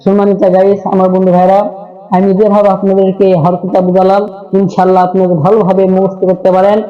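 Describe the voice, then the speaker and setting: A man teaching a Quran reading lesson, chanting the letter drills slowly and explaining each step patiently, with many repeats. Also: sits high, monotone, dull audio. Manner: explains steps patiently, repeating key terms.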